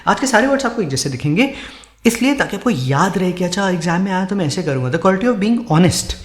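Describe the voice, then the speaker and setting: A man teaching English vocabulary in a casual lesson, talking in Hindi mixed with English, reading the English example sentences slowly and often checking in with his listeners. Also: high voice, lively intonation, fairly bright tone, echoey room. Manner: frequent "ठीक है" check-ins, encouraging.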